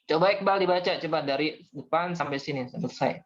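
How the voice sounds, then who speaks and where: A man's voice: fairly high pitch, fairly quick, a little hiss or hum. A young man teaching a class, patiently explaining step by step and calling on students. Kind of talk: online class lesson. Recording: dull lo-fi audio.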